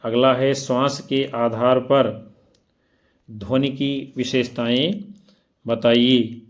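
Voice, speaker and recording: A man teaching an exam prep lesson, reading out each question and its options and then explaining the answer, sometimes spelling syllables slowly one by one. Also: medium pitch, flat delivery.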